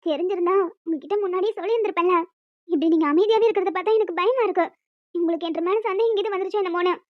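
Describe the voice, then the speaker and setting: A woman's voice: very high-pitched, very fast, dry recording. A woman voicing a clingy young village wife who pleads and sulks in an audio romance drama. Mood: defensive. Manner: emotional, pleading, chatty. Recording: dull dry lo-fi recording.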